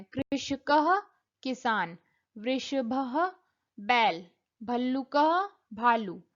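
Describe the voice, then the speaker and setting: A woman's voice: fairly high pitch, fairly bright tone, muffled recording. A woman teaching a Sanskrit lesson, carefully spelling out words sound by sound and giving their meanings. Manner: spells words out letter by letter, gives Hindi and English meanings. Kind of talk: slow, explanatory classroom lesson.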